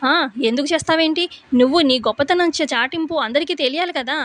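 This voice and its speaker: A woman's voice: high voice, quick pace, natural voice. Woman voicing an angry, curt young husband. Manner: curt, contemptuous.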